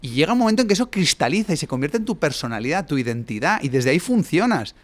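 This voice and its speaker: A man's voice: a little high, very animated, fast talker. A man, a guest coach explaining his ideas at length in a podcast conversation, often closing points with rhetorical questions. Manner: expansive, lecturing, frequent rhetorical tag questions.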